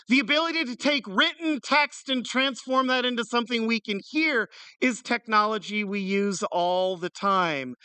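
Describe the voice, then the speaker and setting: A conference speaker giving a live tech talk in an energetic, punning way that jumps between fast and slow, picked up from a distance. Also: medium pitch, clean tone, dry recording.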